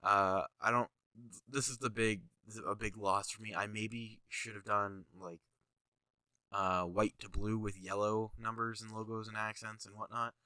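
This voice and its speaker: With a stuffy nose and a tired, sniffly edge, a young channel host rambles over pictures of his own jersey designs, wandering into tangents and using lots of fillers. His lowish voice is bright, tense and clean, moving little in pitch at a normal speed. There is no room sound.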